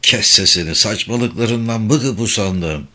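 A man's voice: fairly low pitch, unhurried, pushed and bright. A man voicing a worried, pleading mother in a read-aloud novel. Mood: anxious pleading.

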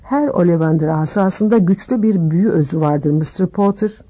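A woman voicing an eccentric old male wandmaker who talks briskly and insistently, sinking to murmurs. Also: fairly low pitch, mellow, lightly acted. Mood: eager.

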